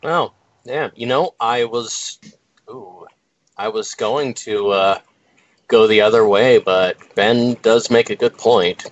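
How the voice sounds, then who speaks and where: A man's voice: on the low side, slow pace, dry recording, lo-fi sound. A man giving his opinion as a guest on a casual panel, hesitating and restarting as he thinks aloud. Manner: hesitant, many fillers and restarts.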